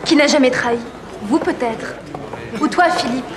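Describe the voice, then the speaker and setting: An actress playing a proud, witty young aristocratic woman in a period film, haughty and quick with sharp retorts. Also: sits high, natural voice. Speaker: Mathilde, the marquis's daughter.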